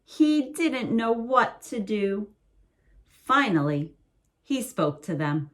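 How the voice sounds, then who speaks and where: Slow soothing bedtime storyteller woman. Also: mid-range voice, big pitch swings. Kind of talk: bedtime picture book reading.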